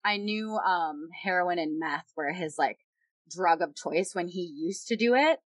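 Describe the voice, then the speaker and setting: A woman's voice: fairly low pitch, a little slow, no echo. A woman casually telling a personal story, rambling with lots of fillers. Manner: rambling, filler-heavy, many "like"s and "yada yada".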